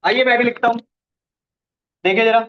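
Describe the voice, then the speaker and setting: A man teaches a live online class, pausing often to check on his students. His voice sits high. The recording is dull and lo-fi. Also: steady tone.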